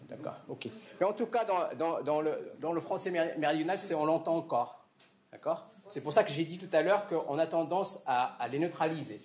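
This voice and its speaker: A man's voice: medium pitch, reverberant. A man giving a lecture, explaining step by step and often checking that his students follow. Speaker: university lecturer.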